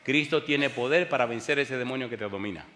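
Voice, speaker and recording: A male pastor preaching a sermon, firing rhetorical questions at his congregation and swinging between booming emphasis and hushed storytelling. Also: a little fast. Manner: rhetorical call-and-response questions. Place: church sanctuary during a televised service. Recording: long hall reverb.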